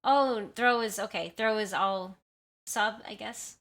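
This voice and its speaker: At a slow pace and medium pitch, a woman's slightly bright voice carries her casual, rambling chat with livestream viewers, full of apologies. She's in a room at home, using a desktop condenser microphone turned up to high sensitivity.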